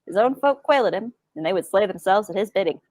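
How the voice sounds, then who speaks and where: A woman voicing a messenger in a brisk 1940s radio-announcer manner. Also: medium pitch, animated, a little mellow, no room sound, natural voice. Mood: urgent.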